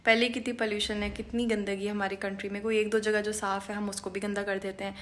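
A woman's voice: mid-range voice, little pitch movement, fast. A young woman from Pakistan with a Karachi accent, switching between Urdu and English as she rants indignantly to a camera held at arm's length in her bedroom. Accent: Karachi Urdu, mixing in English. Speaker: vlogger. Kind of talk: ranting to camera. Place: bedroom indoors.

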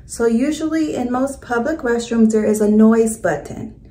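A woman's voice: fairly high pitch, normal speed, mellow. A middle-aged woman vlogging in a bubbly, chatty way to viewers, filming herself with a phone at arm's length inside a small public restroom. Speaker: travel and food vlogger. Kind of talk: upbeat travel vlog to camera. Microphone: phone held at arm's length.

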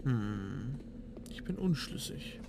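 A man's voice: fairly low pitch, very animated, slow pace, gravelly, noisy background. A man giving casual gameplay commentary as a let's player, musing aloud to himself. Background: game sound.

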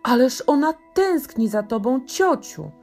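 A woman's voice: fairly high pitch, lively intonation, slow pace, darkish tone, soft background music. A woman voicing a flustered, timid king who speaks hurriedly and anxiously, in a bedtime storybook reading.

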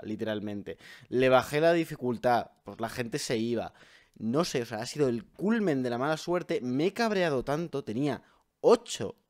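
A man's voice: medium pitch, darkish tone. A young man with a sore, strained throat, rambling casually to viewers over gameplay and swearing freely. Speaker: gameplay YouTuber. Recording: faint music behind.

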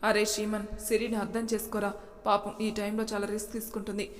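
A calm, concerned man gently urging care, read by a woman storyteller. His words stay level and even, with a long reverb lingering behind them. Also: medium pitch, a little fast, lightly acted. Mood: advising. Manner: gently advising.

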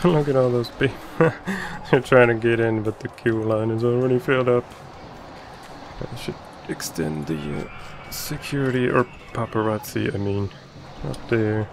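A man with a mid-range voice speaks at a moderate pace, muttering to himself as he plays a building game in a casual let's play. Game music and background noise sit behind his voice.

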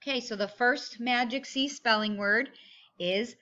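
A woman's voice: on the high side, unhurried, pushed and bright, highs cut off. A woman with a kindergarten teacher's manner, giving simple step-by-step instructions to young children and stressing key words.

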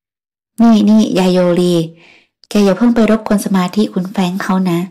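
A woman's voice: medium pitch, fairly even intonation, moderate pace, warm tone, natural voice. A woman voicing a young female model who pleads and whines to stall for time. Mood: teasing. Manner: pleading and whiny.

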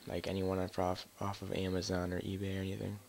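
A man's voice: sits low, monotone, fast, creaky, a little mellow, slight background noise. A man doing casual live gameplay commentary on a headset mic as a raging gamer, swearing and grumbling in exasperation. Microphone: gaming headset.

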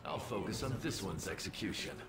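A man's voice: lowish voice, lively intonation, brisk, lightly acted. An actor playing an arrogant, cruel king in a game, taunting and contemptuous. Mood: sneering. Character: arrogant cruel man, king of a twisted castle. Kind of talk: game voice acting. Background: game music.

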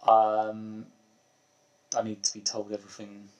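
A man's voice: lowish voice, completely flat delivery, a little slow, rough recording. Young man muttering through a game. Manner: wry, muttering to himself while playing. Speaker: streamer playing as a hunter. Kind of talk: casual gaming chat.

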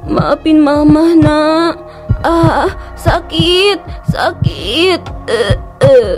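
Sick, gentle cartoon mother with a high voice and weak delivery. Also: expressive, drawn-out words, music in the background, heavily acted. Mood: pained. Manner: weak and groaning in pain. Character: poor, sick middle-aged mother, meek and gentle. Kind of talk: cartoon voice acting.

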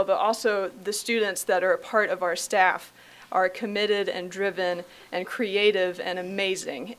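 A young woman from Tennessee introducing herself at a conference panel, enthusiastic, with many ums, speaking into a podium microphone. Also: mid-range voice. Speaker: graduate program coordinator. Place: conference room.

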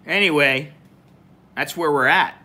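A man's voice: fairly high pitch, a little slow, sharp tone. A man in his forties rambling casually and informally on a live stream, with plenty of fillers, filmed close up by a camera in a small indoor room.

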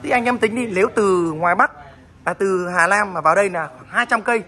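A man from the north of the country, showing off a motorbike for sale in a casual vlog, with fast salesman patter and short repeated tags. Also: high-pitched, bright, forceful tone. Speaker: motorbike dealer vlogger.

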